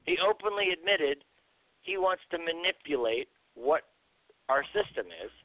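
Podcast co-host, blunt profane ranter, thin phone-like sound, dry. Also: male voice, fairly high pitch, big pitch swings, unhurried, dry recording. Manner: ranting, blunt, swears a lot. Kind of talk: profane casual chat. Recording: tinny phone-like line, dry.

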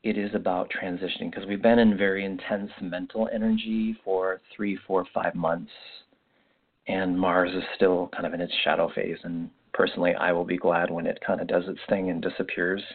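A man's voice: low voice, little pitch movement, moderate pace. A man who hosts a spiritual podcast, talking off the cuff in a reflective, meandering way with repeated phrases, his voice sounding echoey. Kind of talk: unscripted spiritual guidance talk. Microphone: makeshift mic, not the usual podcast one. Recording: echoey, muffled phone-like sound without usual microphone.

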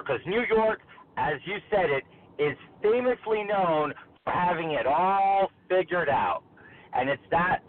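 Man on speakerphone, muffled and tinny. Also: fairly high pitch. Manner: assured, measured campaign talk with some fillers. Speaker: congressional candidate guest. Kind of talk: phone-in interview. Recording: muffled tinny phone line with faint noise.

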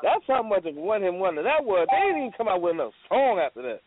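A man's voice: high-pitched, sing-song, very fast, no room sound. A man co-hosting a podcast in casual chat, blunt and joking, talking emphatically. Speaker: podcast co-host. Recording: tinny phone-like line.

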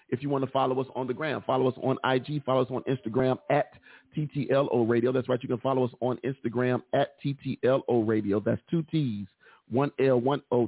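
A man's voice: medium pitch, no room sound. Phone-like radio hype man, repeating himself. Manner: folksy church-flavoured asides. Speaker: radio show host. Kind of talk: live call-in radio show promo patter. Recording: narrow, phone-like radio sound.

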